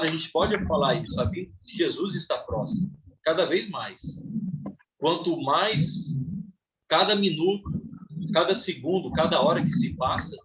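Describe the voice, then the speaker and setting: A Brazilian man teaching a Bible class, reading passages aloud and then explaining them in a conversational way, often tagging sentences with "né?". His voice sits a little high for a man. The recording is slightly dull, with faint noise behind him. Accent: Brazilian Portuguese. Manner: reads scripture aloud, then explains with frequent "né?".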